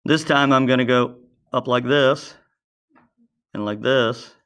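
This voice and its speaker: A man with a mid-range voice talks at a slow pace, his tone smooth and fairly bright. As a teacher giving a relaxed science lesson, he draws while explaining, asks the students questions, and chats to himself as he sketches.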